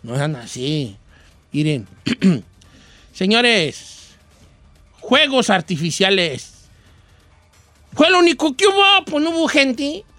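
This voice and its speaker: A man's voice: high voice, sing-song, slow pace, long pauses, pushed and bright, no echo, faint music behind, heavily acted. A man voicing a chatty old Mexican grandfather who hosts a comic news show, rambling and folksy with a Mexican accent. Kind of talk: comedy radio banter.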